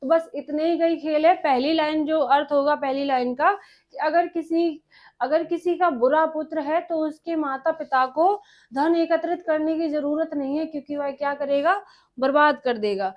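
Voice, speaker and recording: Woman tutor, high-pitched, leisurely dictation, repeats lines for students to copy. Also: darkish tone. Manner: dictating slowly, repeating phrases for note-taking; asks questions and answers them herself. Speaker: teacher. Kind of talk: exam-prep grammar lesson.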